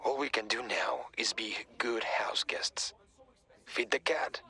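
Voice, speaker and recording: Young male game hacker: bright, husky voice, stubborn, urgent, casual and sweary. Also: fairly low pitch, takes it slowly, whispered, heavily acted. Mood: grateful, sincere. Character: earnest young male hacker activist, stubborn, big-hearted.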